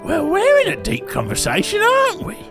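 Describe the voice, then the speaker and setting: A shrill, flustered young woman, as a man puts her on, pitched well up and gravelly at the edges. Her voice leaps wildly from line to line, and soft music plays behind the sketch. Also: wildly swooping pitch, brisk, heavily acted. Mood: startled.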